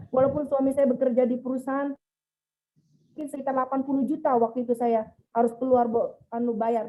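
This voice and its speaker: A woman pastor giving an emotional, earnest testimony and speaking straight to her listeners. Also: high-pitched. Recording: tinny phone-like sound.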